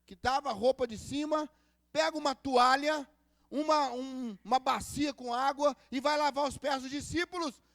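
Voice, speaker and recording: A man with a very high voice preaches a sermon, as a pastor does. He tells stories and acts out the dialogue, and he keeps asking the congregation to answer him. The sound is dry and close, with almost no echo. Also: steady tone, normal speed, a bit bright. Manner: asks the congregation for responses. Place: church service.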